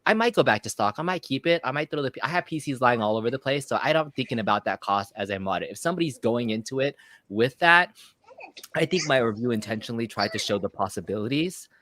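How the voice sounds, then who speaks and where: A man's voice: medium pitch, expressive, quick pace, fairly bright tone, no room sound. Casual man chatting about his hobby. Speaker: show host and arcade cabinet reviewer. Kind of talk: casual podcast chat.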